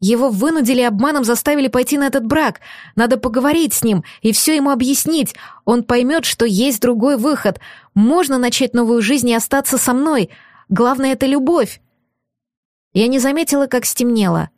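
A woman narrating a first-person audiobook in a measured, emotive reading. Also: sits high, a little mellow, no room sound, clean studio sound.

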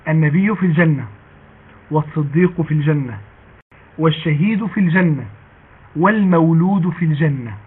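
A man with an Egyptian Arabic accent giving a chatty religious lesson to women. He slows down when he recites quoted sayings. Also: fairly high pitch, slight background noise. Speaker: preacher teaching women. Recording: tinny phone-like recording.

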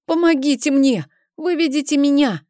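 A woman's voice: sits high, normal speed, dark tone, no room sound, pitched above the performer's own voice, natural voice. Woman voicing a frightened teenage boy pleading. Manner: pleading, close to tears. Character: frightened 14-year-old boy, a king's son trapped by trolls.

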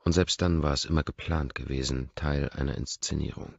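A man's voice: very deep voice, steady tone, fairly quick, creaky, dry recording. A man narrating a first-person audiobook in a brooding, intense inner-monologue manner, in a dull lo-fi recording.

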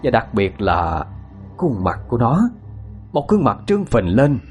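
Lively ghost-story narrator. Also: male voice, medium pitch, unhurried, soft background music. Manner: dramatic, suspenseful.

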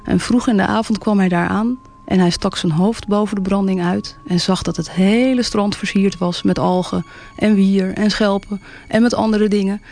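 A storyteller reading a tale aloud for radio, gentle and unhurried. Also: mid-range voice, gravelly. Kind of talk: calm storybook narration on radio.

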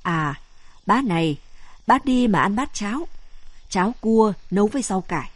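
A woman voicing a kind, frail old village grandmother who talks in a gentle, insistent way. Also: mid-range voice, animated, moderate pace, no echo, natural voice.

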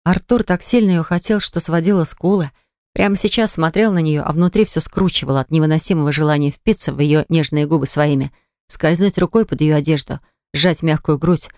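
A man narrating an audiobook in an even, measured storytelling manner. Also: a little high, smooth, no room sound. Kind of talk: scripted narration. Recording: dry close studio recording.

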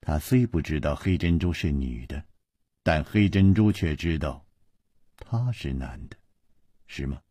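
A man voicing a sharp-tongued young princess who speaks coldly and mockingly in a storytelling reading. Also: very deep voice, animated, unhurried, long pauses, breathy edge, dry recording, exaggerated voice. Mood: cool, teasing. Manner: cold, mocking, soft.

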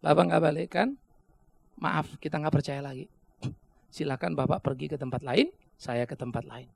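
A man's voice: fairly high pitch, moderate pace, vocal fry, breathy edge, no room sound. A man preaching a sermon as pastor, in a conversational way with joking asides and sudden emphatic bursts.

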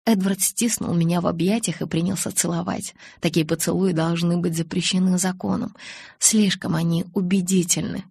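A woman's voice: on the low side, fairly even intonation, moderate pace, creaky, a little mellow, husky, no room sound. A woman narrating a first-person romance audiobook in an intimate storytelling manner. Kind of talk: scripted narration.

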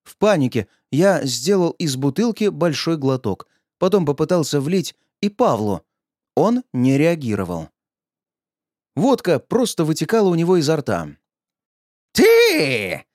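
A man narrating an audiobook in a lively, expressive reading. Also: fairly high pitch, normal speed, no echo, clean studio sound.

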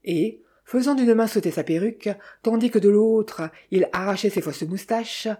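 A woman narrating a detective novel as an audiobook, in steady, measured storytelling. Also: medium pitch, slightly rough.

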